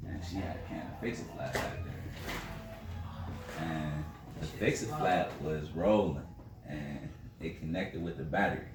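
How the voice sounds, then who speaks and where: A man co-hosting a podcast, telling a story in animated, profane casual chat. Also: a bass voice, a little slow, pauses often. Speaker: podcast co-host. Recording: echoey room, distant mic, faint noise.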